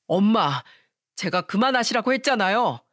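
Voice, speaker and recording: An exasperated husband and son pleads firmly with his mother, as a woman voices him. The voice is pitched a little lower and pushed louder than the storyteller's own. It is recorded dry and close. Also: lively intonation, normal speed, no room sound, close to an everyday voice. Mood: pleading. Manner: pleading, firm.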